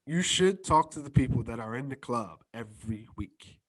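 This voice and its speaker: A man's voice: medium pitch, lively intonation, moderate pace. A man co-hosting a podcast in casual chat, teasing and playfully sarcastic. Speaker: podcast co-host.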